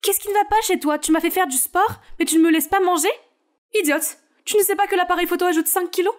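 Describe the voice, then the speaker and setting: A domineering mother who manages her daughter's career, as a woman puts her on for a storybook. She sounds cutting and bossy in a high, lifted voice. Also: fairly even intonation, fast. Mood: scolding. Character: strict demanding woman, talent-manager mother. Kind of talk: storybook character voice.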